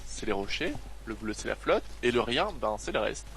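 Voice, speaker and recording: A man's voice: on the low side, lively intonation, normal speed, a bit bright, slight background noise. A man co-hosting a gaming video, chatting in a laid-back, wisecracking way and comparing the game to others. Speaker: gaming channel co-host. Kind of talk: casual let's-play banter.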